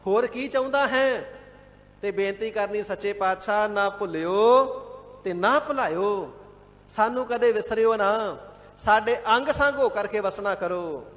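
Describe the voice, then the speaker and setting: A man giving a devout, measured scripture sermon, explaining and repeating words one by one and at times chanting a verse. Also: sits high, fairly bright tone, long reverb tail. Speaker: Sikh scripture expounder. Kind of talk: line-by-line scripture exposition sermon. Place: large gurdwara hall.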